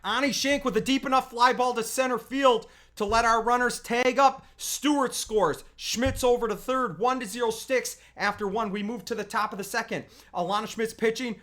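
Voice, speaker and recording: A coach calling youth softball highlights in a chatty play-by-play, with self-corrections and asides, who breaks into loud cheering on big plays. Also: steady tone, moderate pace, few pauses. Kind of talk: highlight recap commentary over game video.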